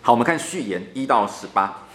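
Animated man teaching Bible class. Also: medium pitch, brisk, echoey room. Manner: animated, repeats words for emphasis, chatty fillers. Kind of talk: lively classroom Bible lecture. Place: church classroom.

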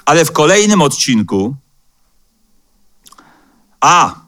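A pastor with a fairly high man's voice delivers a sermon in a church. He speaks at a measured pace, slows down for scripture quotes, and pauses now and then on a filler sound. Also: big pitch swings, fairly bright tone. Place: church hall.

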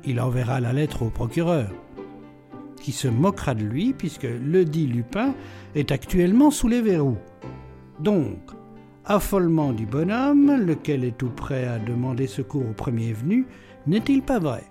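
A man reading an audiobook, voicing a witty, mocking, self-assured gentleman burglar held in a cell. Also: on the high side, sing-song, a little slow, faint music behind. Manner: playful, ironic, self-assured.

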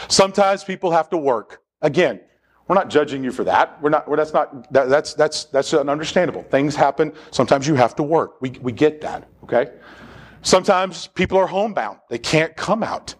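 Animated high-voiced male pastor preaching. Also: normal speed. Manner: animated preaching, call-and-response with the congregation. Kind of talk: sermon. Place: church sanctuary.

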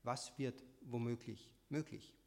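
A man's voice: mid-range voice, slow, creaky. A man moderating a literary reading, giving formal, wordy introductions of the next authors. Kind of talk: introducing readers at a literary event.

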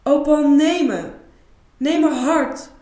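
Woman reading breathy eager young escort, high and loud, roomy sound. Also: slow pace. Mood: breathless.

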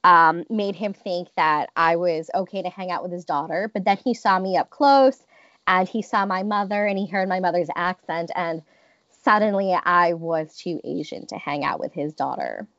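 A US woman in her thirties reflects on personal stories during an interview, hesitant and thoughtful, with many restarts. Her voice is lowish and a bit bright, at a moderate pace. The sound is lo-fi with no room sound.

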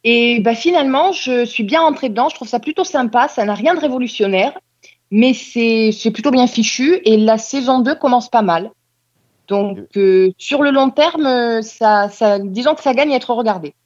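A woman's voice: a little high, normal speed, a little mellow, muffled recording. A woman co-hosting a podcast, chatting casually about TV series with frequent hesitations. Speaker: podcast co-host. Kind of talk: casual chat reviewing TV series.

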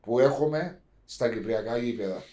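A man's voice: mid-range voice, crowd noise. A man in his fifties with a Greek Cypriot accent, chatting casually and emphatically about sport. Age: 50s.

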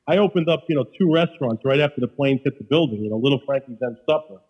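A man's voice: medium pitch, fast talker, breathy edge, highs cut off. A man with a Queens, New York accent talking casually and emphatically as a guest, often repeating himself. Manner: emphatic, repeats himself, peppers talk with "you know". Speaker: podcast guest, restaurateur. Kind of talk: casual conversation.

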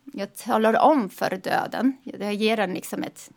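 A woman speaking calmly and reflectively in a casual conversation, taking long measured turns. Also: medium pitch. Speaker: guest.

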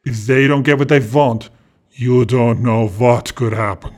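A man acts the part of a glamorous, unsettling woman who collects dolls for a children's audio story, using a natural, darkish mid-range voice at a measured pace. His charm is theatrical and sweetly threatening, and he keeps addressing people as darling.

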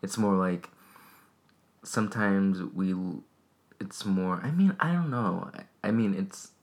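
A young man chatting casually, raspy voice, rambling with many fillers and restarts. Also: low voice, takes it slowly. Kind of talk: casual chat.

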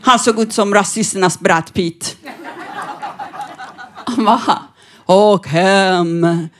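A middle-aged woman from Iran doing stand-up comedy, cheeky and quick to laugh. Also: medium pitch, slight background noise. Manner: cheeky, laughing often, lively. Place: stage before a live audience.

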